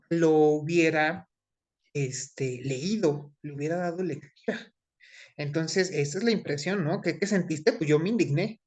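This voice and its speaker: A man in his forties with a Mexican Spanish accent, a teacher giving an online class in a discursive way, with many fillers and tag questions. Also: high voice.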